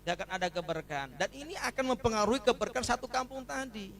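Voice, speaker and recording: A male Islamic preacher giving a sermon at a village celebration. He tells stories and delivers emphatic warnings that swing between loud exhortation and hushed asides. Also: very high voice, quick pace, vocal fry.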